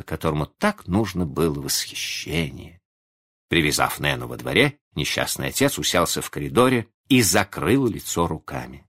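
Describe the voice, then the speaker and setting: A man's voice: low voice, breathy edge. A man narrating a children's story as an audiobook, telling it expressively. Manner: expressive storytelling with lively intonation.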